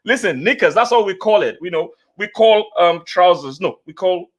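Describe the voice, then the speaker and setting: A man's voice: high-pitched, animated, moderate pace, lo-fi sound. A man from Nigeria hosting a casual football reaction live stream, reading out viewer comments and repeating himself as he goes. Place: home studio, remote guests on call.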